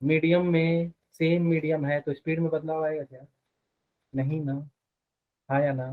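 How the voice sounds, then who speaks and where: A man's voice: fairly high pitch, flat delivery, normal speed. A man teaching physics in a live online class. He explains step by step and keeps asking the students short questions. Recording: phone-like narrow sound.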